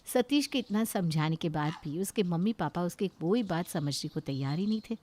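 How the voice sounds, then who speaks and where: A woman narrating a cartoon story in a calm, even storybook manner. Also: lowish voice, normal speed.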